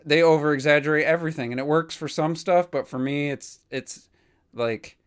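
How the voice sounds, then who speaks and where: A man's voice: fairly high pitch, normal speed, clean tone. A man co-hosting a gaming podcast, chatting casually and opinionatedly, rambling with lots of fillers. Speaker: podcast co-host.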